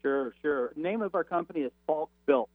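A man's voice: fairly high pitch, lively intonation, moderate pace, dry recording. A man calling into a radio talk show as a guest, explaining things casually with many fillers and restarts, over a crackly phone line that fades in and out. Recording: tinny, breaking-up phone call.

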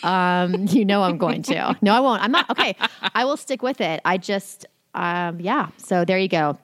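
This is a woman chatting casually as a podcast co-host, with very lively swings in pitch. She sounds hesitant and self-conscious. She talks into her own microphone inside a closet, so the sound is dry. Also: normal speed, no room sound. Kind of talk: casual chat. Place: clothes closet at home. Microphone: own microphone with headphones.

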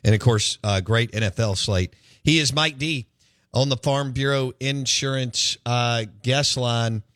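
A man hosting a sports radio show, bantering quickly in a casual, folksy way. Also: medium pitch, fairly bright tone, no room sound, clean studio sound.

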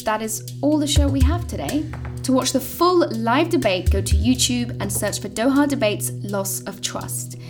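A woman's voice: a little high, normal speed, over music. A young woman from Afghanistan hosting an interview, asking direct, informal questions. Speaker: podcast host.

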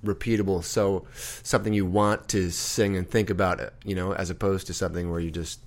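A man co-hosting a casual chat about songwriting, thoughtful and halting as he works through ideas. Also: sits low, steady tone. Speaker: podcast co-host.

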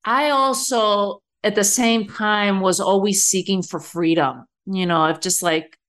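A woman's voice: medium pitch, fairly even intonation, a little slow, a bit bright. A middle-aged woman from Spain, a guest telling her story in a casual interview. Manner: conversational, many fillers. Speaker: podcast guest, entrepreneur.

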